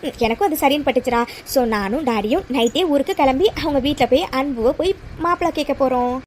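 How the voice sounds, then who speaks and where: A chatty, self-assured young woman doctor in a cartoon story, as a woman puts her on. She speaks quickly and brightly, with a faint hiss behind her. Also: high-pitched, lively intonation, pitched below the performer's own voice. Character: confident young woman doctor set on marriage. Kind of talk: animated cartoon story dialogue.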